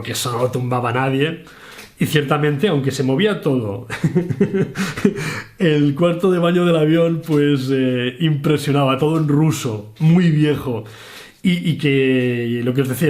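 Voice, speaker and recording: Chatty man telling a travel story. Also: medium pitch. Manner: chatty, self-mocking, many restarts. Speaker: travel vlogger. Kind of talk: casual storytelling.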